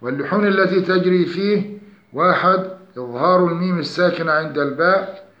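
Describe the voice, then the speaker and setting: A man's voice: a little high, brisk. A male Quran recitation teacher giving a scripted tajweed lesson, laying out rules point by point in a methodical way. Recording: roomy, dull lo-fi recording.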